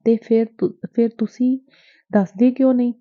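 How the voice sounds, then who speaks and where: A woman's voice: fairly high pitch, fairly even intonation, moderate pace, no echo, pitched above the performer's own voice, close to an everyday voice. A woman voicing an innocent young village girl who asks wondering questions in a raised voice, read for an audiobook. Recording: dry, tinny phone-like sound.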